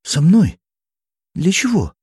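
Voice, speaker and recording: A naive young girl, flustered and halting, speaking higher than the narrator's own voice, as a man puts her on. The read is dry and close to the mic, a storybook reading. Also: sing-song, dark tone, slightly rough, no echo, full character voice. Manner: raised pitch, hesitant, halting.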